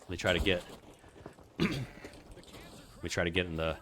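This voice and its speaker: A man streaming and casting an esports match, giving away codes and calling the plays with excitable play-by-play. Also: deep voice, moderate pace, slight background noise. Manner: excitable play-by-play, rising to shouts. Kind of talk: live game commentary.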